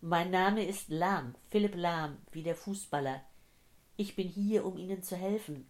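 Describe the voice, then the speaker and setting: A woman voicing a young male paramedic who calmly asks questions in an audiobook. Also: lowish voice, unhurried, lightly acted. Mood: reassuring.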